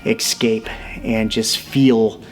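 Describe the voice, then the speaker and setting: A man in his forties with a lowish, steady voice tells his story in a documentary interview. His delivery is measured and reflective, with little rise and fall in pitch. Soft music plays faintly behind him. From United States. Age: 40s. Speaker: police officer and amateur boxer.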